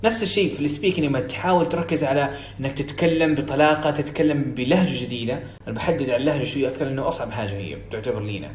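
A young man from Saudi Arabia with a Hijazi accent, coaching in an energetic, encouraging, casual teaching way. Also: medium pitch, rapid-fire. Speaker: English speaking coach. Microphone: phone video story. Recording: roomy echo, faint room hiss.

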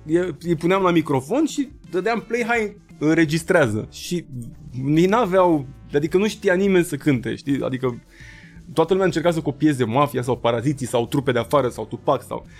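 A man in his thirties, a rapper and beatmaker, telling stories in a casual interview and acting out quotes in high voices. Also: expressive, faint music behind.

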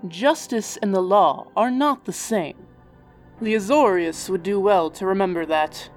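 A woman's voice: mid-range voice, measured pace, soft background music, close to an everyday voice. A woman voicing an angel guild leader in an audiobook, speaking in a poised, formal way.

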